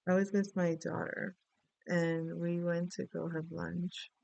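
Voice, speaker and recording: Chatty, gravelly woman telling a story. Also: fairly low pitch, level tone, slow pace, a little mellow, dry recording, poor audio. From Dominican Republic. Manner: rambling, chatty storytelling with many asides. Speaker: astrology and tarot reader. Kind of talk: casual spoken reading.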